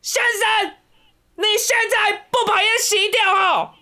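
A man voicing a furious middle-aged woman who scolds a smoker in a shrill, self-righteous shriek. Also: a little slow, bright, forceful tone, exaggerated voice. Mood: scolding.

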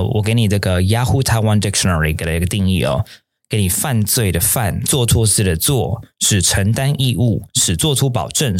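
Chatty low-voiced male teacher. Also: a little mellow, dry recording, studio quality. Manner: chatty, joking, repeats key points. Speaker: English teacher. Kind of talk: online vocabulary lesson.

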